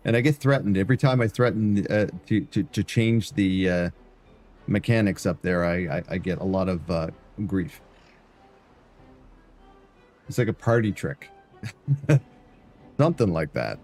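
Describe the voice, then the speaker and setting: A man's voice: low voice, measured pace, pauses often, darkish tone, soft background music. A man streaming live, chatting loosely through gameplay and often stumbling over and repeating his words.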